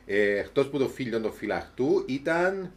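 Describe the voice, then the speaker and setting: A man's voice: mid-range voice, very animated. A man with a Cypriot Greek accent hosting a casual, comedic talk show, chatting colloquially and swearing freely.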